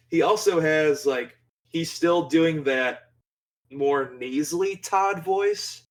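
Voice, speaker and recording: A young man co-hosting a podcast in casual chat, talking excitedly, rambling with lots of fillers and swearing freely. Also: on the high side, very slow. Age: young adult. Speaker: podcast co-host.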